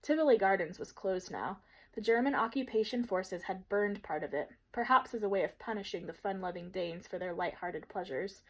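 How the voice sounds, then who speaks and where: A woman teacher reading a children's novel aloud in a steady, gentle storytelling manner. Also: mid-range voice, moderate pace, poor audio.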